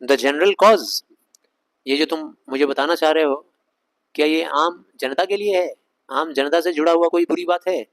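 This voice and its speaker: A man's voice: a little high, fairly even intonation, poor audio. Indian guy teacher, drawls the english lines then talks it through in hindi, asks the class questions. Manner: reads English lines slowly, explains them fast in Hindi; conversational, asks rhetorical questions of students. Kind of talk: line-by-line Shakespeare lesson explained in Hindi.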